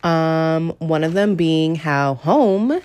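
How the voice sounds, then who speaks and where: A woman's voice: deep voice, animated, slow, a little mellow. A woman in her late twenties, from the San Francisco Bay Area, hosting a casual solo podcast in a chatty, slangy way. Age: late 20s. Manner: chatty, informal, uses slang. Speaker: podcast host.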